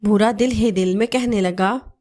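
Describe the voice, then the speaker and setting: A woman narrating a children's cartoon story in a steady, scripted storytelling manner. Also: mid-range voice, normal speed.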